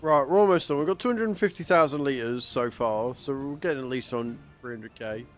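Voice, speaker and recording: A man streaming a game and chatting to his viewers in an easy, rambling way, his voice sitting at an ordinary middle pitch. A cough and a rough throat catch him every so often, and soft music plays faintly behind him. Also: brisk. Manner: chatty, thinks aloud about plans. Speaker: livestream gaming host. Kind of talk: casual gameplay commentary.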